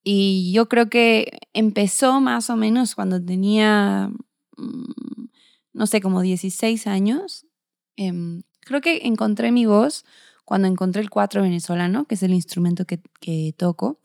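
A woman musician answering interview questions in a thoughtful, searching way, pausing softly as she gathers her words. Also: mid-range voice, creaky, dry recording, studio quality. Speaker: musician guest.

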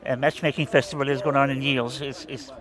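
A man's voice: medium pitch, level tone, fairly quick, a bit bright. Hesitant older of man. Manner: hesitant, stammering repetitions. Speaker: radio co-host. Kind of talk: casual chat. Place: outdoors in a busy town square. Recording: outdoor field recording, crowd noise behind.

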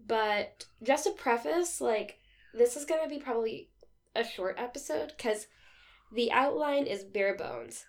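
A woman co-hosting a podcast in casual chat, with a hoarse, raspy smoker's voice from a sore throat. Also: on the high side, expressive, a little slow. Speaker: podcast co-host.

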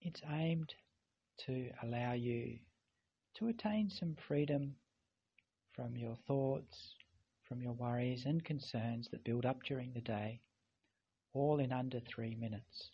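A man leads a guided meditation at a very slow, unhurried pace. His voice is calm and gentle, with a gravelly creak and a husky edge. The recording is a little dull and muffled. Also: medium pitch. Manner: calm, gentle, unhurried delivery with long pauses.

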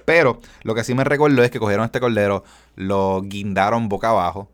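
Animated young man telling stories. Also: on the low side, brisk. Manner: animated storytelling, mixing English into Spanish, acting out voices. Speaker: podcast host. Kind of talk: casual chat.

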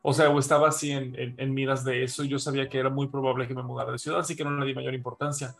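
A man, telling a gossipy story in animated casual chat with a co-host. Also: medium pitch, rapid-fire, creaky. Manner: animated gossipy storyteller, calls listener "hija".

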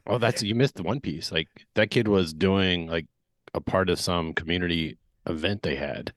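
A man's voice: low-pitched, normal speed, dry recording. A man on a sports podcast panel, chatting casually without a script. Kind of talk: casual unscripted chat.

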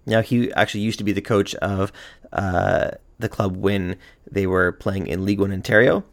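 A man's voice: deep voice, steady tone, normal speed, creaky. A man hosting a soccer podcast, chatty and enthusiastic with casual fillers. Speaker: podcast host. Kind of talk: podcast intro and interview.

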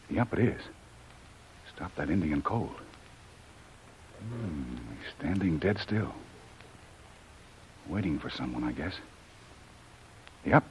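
Bold jungle hero, very deep voice, lively delivery, hissy old radio. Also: male voice. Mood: watchful. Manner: muttering to himself, excited. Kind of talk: 1930s radio drama acting. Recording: dull old radio with hiss and crowd noise.

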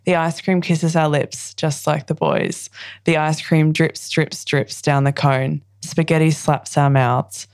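A woman with a low voice and a gravelly edge. She is a poet guest on a podcast who chats easily, laughs often and reads her own poems aloud. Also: fairly even intonation, unhurried, a little mellow, no room sound, studio quality. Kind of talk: casual chat and poetry reading.

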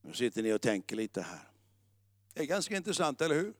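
A man preaching a sermon as pastor, moving between loud declaring and quiet musing, with English words mixed in. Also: medium pitch, big pitch swings, no room sound, clean studio sound. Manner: mixes English words into the talk.

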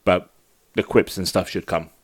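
A man's voice: sits low, steady tone, normal speed, slightly rough. A man speaking informally as a game master, casually explaining the tabletop game to his players.

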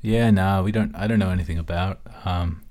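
Male co-host, deep and dark-toned, relaxed with brief replies. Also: a little fast. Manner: laid-back, short replies. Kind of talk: casual chat.

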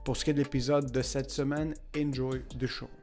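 Brief: young male podcast host, quick and blunt, slips in English words. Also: medium pitch, level tone, a little mellow, soft background music. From Quebec, of Lebanese parents. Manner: fast and candid, swears freely, mixes in English words. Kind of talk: casual podcast chat.

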